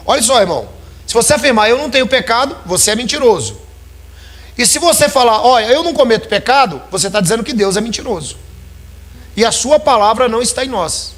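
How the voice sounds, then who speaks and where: Pastor guy, high voice, chatty sermon, keeps saying brothers. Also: fairly bright tone. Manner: conversational preaching, addresses listeners as brothers. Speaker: preacher.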